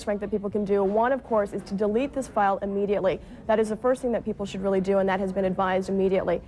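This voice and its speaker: A woman's voice: mid-range voice, darkish tone. A woman with an American accent reporting live for television news, moving between explanation and scripted narration.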